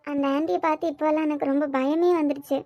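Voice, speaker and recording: A woman voicing a very high, anxious young woman. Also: fairly even intonation, quick pace, highs cut off. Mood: fearful. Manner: soft, hesitant, worried. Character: young woman, injured and anxious about marriage. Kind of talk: Tamil audio drama acting.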